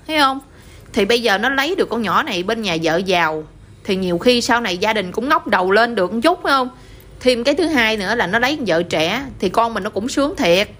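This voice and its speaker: A woman's voice: medium pitch, fairly bright tone. A woman with a Southern Vietnamese accent giving chatty gossip commentary and peppering viewers with rhetorical questions.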